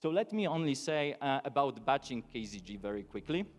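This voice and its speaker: A man giving a technical conference talk, somewhat hesitant as he moves through it briskly. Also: medium pitch, sing-song. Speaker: conference speaker. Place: conference stage in a hall. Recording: hall reverb with music.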